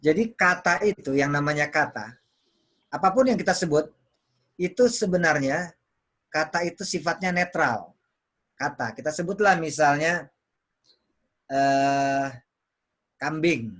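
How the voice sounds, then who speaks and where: Male speaking coach, slightly high voice, patient teacher on a video call. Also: measured pace, pauses often, fairly bright tone. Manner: explains with examples, repeats words to show intonation. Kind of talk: online workshop teaching.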